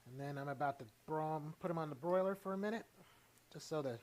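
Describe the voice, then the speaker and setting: A man's voice: on the high side, quick pace, a little mellow. A man hosting a casual cooking livestream, playful and chatty, talking straight to his viewers. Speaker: cooking show host.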